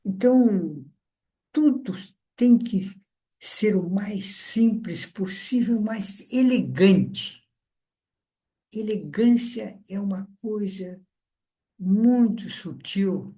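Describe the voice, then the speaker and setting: An older man giving a lecture on communication, teaching in a deliberate, conversational way with frequent filler tags. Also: high voice, dark tone. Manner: slow, deliberate, conversational teaching with many "então" and "né". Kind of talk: lecture on speaking and presentation.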